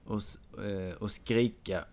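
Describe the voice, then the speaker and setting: Low-voiced man telling a rambling anecdote. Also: fairly even intonation, darkish tone. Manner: long meandering anecdote told to a listener. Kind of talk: casual chat.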